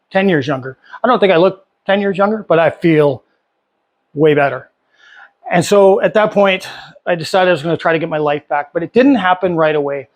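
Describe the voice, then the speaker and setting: A man in his fifties talking casually and candidly to camera as a vlogger, with many fillers and restarts. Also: fairly high pitch. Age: 50s. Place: home workshop.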